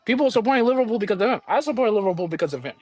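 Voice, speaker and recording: A man's voice: high voice, big pitch swings, very fast, a little mellow, no echo, dull audio. A man from Sudan in a heated casual debate, insisting on his point and tacking "bro" onto his lines. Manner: insistent, keeps adding "bro". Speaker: stream panelist.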